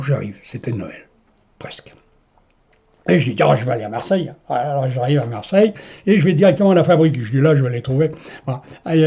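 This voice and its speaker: A man's voice: fairly high pitch, warm tone, husky. A man telling a personal story in a meandering way, with many hesitations and chuckles. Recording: dull lo-fi recording.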